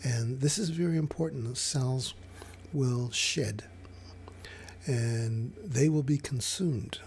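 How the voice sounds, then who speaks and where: A man explaining fasting over slides in a casual, hesitant way, with many fillers and restarts. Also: mid-range voice, a little mellow, a little hiss or hum. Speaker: health educator.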